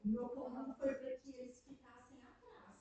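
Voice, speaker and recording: A woman's voice: high-pitched, moderate pace, far from the mic, highs cut off. Woman student telling a story in an echoey room. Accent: Brazilian Portuguese. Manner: animated storytelling, quotes her own words. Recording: echoey room, away from the mic, noisy.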